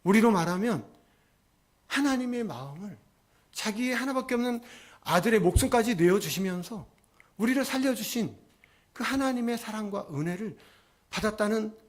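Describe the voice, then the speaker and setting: High-voiced man preaching a sermon. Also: lively intonation, normal speed, long pauses. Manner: storytelling, asks the congregation questions. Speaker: pastor.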